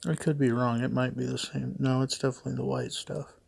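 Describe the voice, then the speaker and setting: A middle-aged man with a gravelly voice and heavy audible breathing, giving hesitant, puzzled, matter-of-fact unscripted play-by-play narration. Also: mid-range voice, flat delivery, fast, darkish tone. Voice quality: gravelly, creaky. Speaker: father doing a voice-over for his daughter's makeup video.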